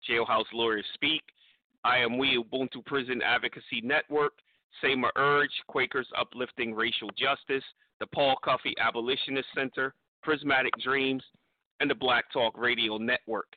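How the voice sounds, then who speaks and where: Relaxed male radio host on phone. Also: medium pitch, normal speed, dry recording, narrow, tinny audio. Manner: relaxed, thanking, hesitant fillers. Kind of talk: radio show sign-off.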